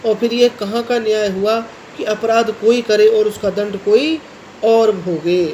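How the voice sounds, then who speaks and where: A woman's voice: medium pitch, fairly even intonation, warm tone, a little hiss or hum, rough recording. A woman college teacher giving a recorded lesson, reading a poem aloud and explaining it line by line, repeating each point in plainer words. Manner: slow, repetitive paraphrasing of each verse in plain words.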